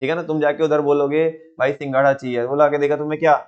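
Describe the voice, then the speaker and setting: A man teaching a class in a relaxed, conversational way, often checking that students follow. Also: a little high, fast talker, clean tone, dull audio. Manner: conversational, with frequent rhetorical check-ins. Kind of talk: classroom lecture.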